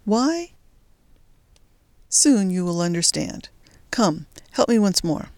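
A reader voicing a young male Belgian resistance fighter, brisk and determined, in an audiobook story. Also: medium pitch, sing-song, darkish tone, no echo. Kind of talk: audiobook character voice.

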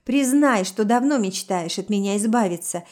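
A woman reading a story aloud, voicing a jealous, hysterical young woman whose voice is shrill and raised in accusation. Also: lively intonation, moderate pace, a little mellow, lightly acted. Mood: shrill, angry.

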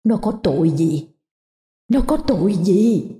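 A woman's voice: mid-range voice, sing-song, slow pace, warm tone, roomy sound, big-room sound. Woman voicing a whispering vengeful female ghost. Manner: faint, wheezing whisper. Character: vengeful burned female ghost, starving and bitter.

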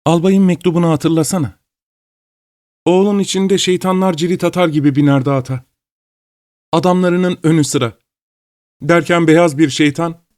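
A man playing a shrill old spinster. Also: fairly even intonation, moderate pace, long pauses, darkish tone, no room sound, studio quality, close to an everyday voice. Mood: shouting. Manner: shrill, exclaiming, giggly. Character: gossipy old spinster woman, shrill and giggling. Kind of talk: storybook reading.

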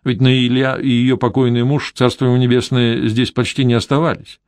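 A man's voice: medium pitch, flat delivery, normal speed, darkish tone, clean tone, no echo, studio quality, lightly acted. A man reading an audiobook, voicing a stubborn, secretive older woman housekeeper who grumbles and refuses curtly. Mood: plaintive, defensive.

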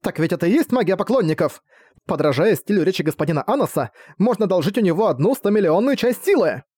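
A man's voice: high-pitched, very animated, fast, darkish tone, no room sound, studio quality, pitched above the performer's own voice. A man voicing a group of plucky young female fan-club girls in an audiobook, eager and chirpy. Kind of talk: audiobook character voice.

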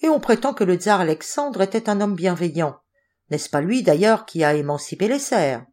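Woman reading earnest head clerk, reasoning aloud, lively pitch. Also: moderate pace, lightly acted. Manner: questioning, earnest. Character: reasonable, argumentative senior male clerk.

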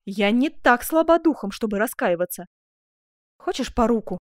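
A woman's voice: mid-range voice, moderate pace, darkish tone, dry recording, studio quality, lightly acted. A woman voicing a proud, imperious duchess in an audiobook, speaking with impassioned swings between tender murmurs and proud outbursts. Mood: passionate. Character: proud passionate noble duchess, imperious and vengeful. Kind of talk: audiobook reading.

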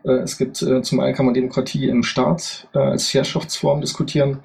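A man speaking from the audience at a panel discussion, making his points in a measured, orderly way. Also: mid-range voice, flat delivery, creaky, a little mellow, breathy edge. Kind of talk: spontaneous debate statement.

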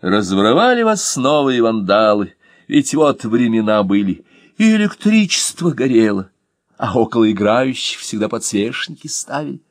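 A man reading an audiobook and voicing a sentimental, theatrical older actor who declaims slowly and with feeling. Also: medium pitch, very animated, no echo, studio quality. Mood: lyrical. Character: lyrical old drunk actor, theatrical, sentimental.

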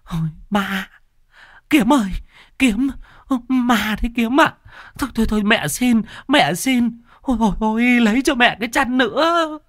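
A frantic old woman in a spoken horror tale, her voice jumping high and swinging wildly as she stammers out her pleas, as a male narrator puts her on. The delivery is dry and close, with faint music under it. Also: sing-song, slow pace, a bit bright, dry recording, full character voice. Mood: panicked.

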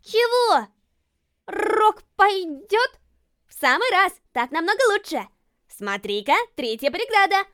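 A woman's voice: very high voice, big pitch swings, slow pace, fairly bright tone, pitched above the performer's own voice, heavily acted. A woman doing a brash, reckless girl driver. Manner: bossy and brash, barking orders. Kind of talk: storybook reading.

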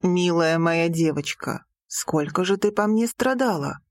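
A woman reading an audiobook, voicing a passionate, teasing young prince with slow, low, intimate delivery. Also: animated, no echo. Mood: tender.

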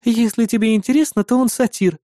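A man voicing a cheeky young tiefling woman who teases and laughs at her companion. The voice climbs high above his own, and the sound is dry and close. It is a fantasy storybook voice. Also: steady tone, brisk, mellow, no room sound. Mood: teasing. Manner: teasing, laughing. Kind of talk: audiobook character voice.

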